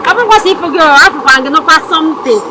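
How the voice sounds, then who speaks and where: A teasing young Nigerian friend with a high, quick voice. Engine and traffic noise sit behind her. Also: lively intonation. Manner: coaxing, teasing, mixes Igbo and English. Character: teasing young woman friend calming another. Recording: noisy with engine sounds.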